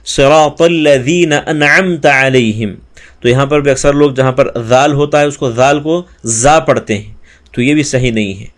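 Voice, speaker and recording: A man's voice: medium pitch, fairly even intonation. Man teaching Quran recitation in Urdu. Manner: explains pronunciation mistakes, then recites verses slowly and drawn out. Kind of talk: tajweed lesson with recitation.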